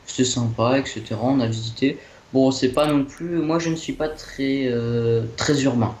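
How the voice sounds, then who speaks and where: A man's voice: medium pitch, moderate pace, a little mellow. Rambling young man, echoey room. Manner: hesitant, many fillers and restarts. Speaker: guest telling about his holiday. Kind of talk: rambling casual chat. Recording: echoey room, faint noise.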